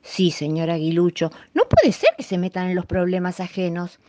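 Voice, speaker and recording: A woman's voice: lowish voice, lively intonation, normal speed, dark tone, no echo, natural voice. A woman voicing a small, clever male songbird who coaxes and wheedles. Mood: sly, coaxing. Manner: coaxing, wheedling.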